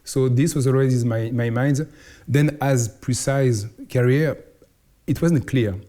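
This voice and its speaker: A man in his forties with a French accent, a priest answering interview questions in careful English, often pausing to find his words. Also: mid-range voice, dark tone. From France. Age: 40s. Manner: halting, searching for English words. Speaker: priest, house superior.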